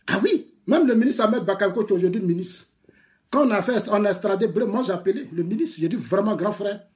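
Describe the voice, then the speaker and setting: Un homme originaire de Côte d'Ivoire, de langue maternelle bété, avec un accent ivoirien, qui sermonne longuement un rival dans une vidéo et répète ses phrases. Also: male voice, high-pitched, darkish tone. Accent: Ivorian French. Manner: lecturing, repetitive, scolding, bursts of laughter. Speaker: political activist replying to a critic. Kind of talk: heated video rant addressed to a rival.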